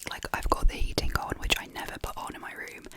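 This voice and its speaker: A young adult whispering a casual, rambling ASMR chat intimately, close to the mic. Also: fast. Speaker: ASMR video creator.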